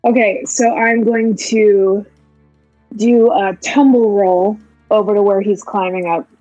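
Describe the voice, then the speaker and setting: Woman at a tabletop game, husky voice, kinda giggly, dull muffled sound. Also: medium pitch, steady tone, slow, mellow, dry recording, faint music behind. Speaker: player. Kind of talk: casual tabletop game talk.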